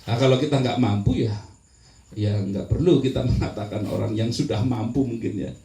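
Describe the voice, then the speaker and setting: A man giving a religious lecture in an animated way, sometimes dropping into soft prayerful murmurs. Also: mid-range voice, moderate pace, roomy sound, rough recording. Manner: animated, shifts into soft prayerful murmurs when demonstrating zikir. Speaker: preacher.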